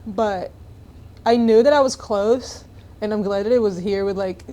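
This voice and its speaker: A woman's voice: mid-range voice, moderate pace, slight background noise. A young woman from Israel, a college basketball player, chatting casually as a podcast guest, with lots of fillers and easy laughter. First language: Hebrew. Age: 20s. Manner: relaxed, many fillers, laughs easily.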